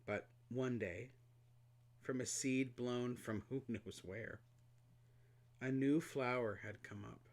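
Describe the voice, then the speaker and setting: A man reading a children's storybook aloud, expressive and animated, with playful asides. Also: mid-range voice, takes it slowly, pauses often. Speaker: reader.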